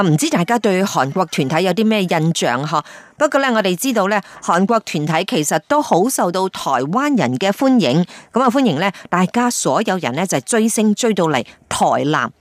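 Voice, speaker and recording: A woman hosts a radio feature in a chatty, easygoing way. Her pitch rises and falls a lot, and the sound is dry and close. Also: dry recording. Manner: chatty, lively, many pauses and fillers. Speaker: radio host. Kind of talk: Cantonese radio feature report.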